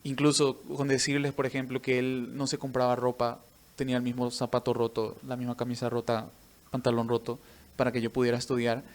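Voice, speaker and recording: A man's voice: mid-range voice, completely flat delivery, brisk. A man, a missionary preacher and musician, telling his faith testimony in an earnest storytelling way. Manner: earnest storytelling, tags sentences with a questioning "right?". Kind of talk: personal faith testimony in an interview.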